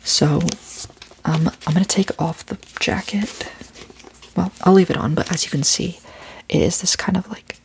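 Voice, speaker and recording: A woman doing a whispered role-play as a bookstore clerk, soft-spoken like in a library, casual and a little hesitant in her phrasing. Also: on the low side, moderate pace, creaky.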